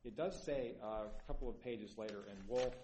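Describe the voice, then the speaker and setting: Man, mellow tone, insistent halting courtroom argument, tiring, roomy recording. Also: medium pitch, a little hiss or hum. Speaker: attorney arguing an appeal.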